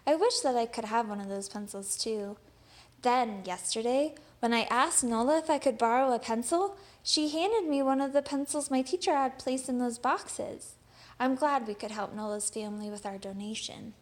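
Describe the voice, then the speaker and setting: Reading a picture book for children, a woman voices it expressively, her pitch a little high and her pace moderate.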